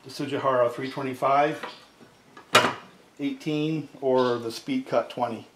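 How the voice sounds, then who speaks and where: An unhurried, steady, medium-pitched voice belongs to a middle-aged chainsaw repair video host casually explaining steps at his workbench and often asking "right?" His tripod camera mic captures an echoey, cluttered home workshop with background noise.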